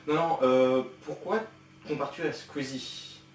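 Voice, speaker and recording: A young man giving sarcastic reaction commentary with a teasing, quick-witted manner. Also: medium pitch, slight background noise. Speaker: reaction youtuber. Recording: echoey room, distant from the mic.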